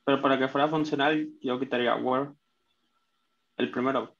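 A Spanish-speaking man learning English, reading sentences aloud in a lesson, hesitant and halting, often restarting words. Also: medium pitch, steady tone, creaky, fairly bright tone, highs cut off. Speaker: student.

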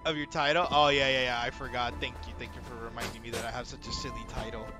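A man streaming a video game live, reacting excitedly, chatting with viewers and swearing casually. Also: medium pitch, fast talker. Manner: excitable, chatty, talks to chat. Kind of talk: live gameplay commentary. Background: game music.

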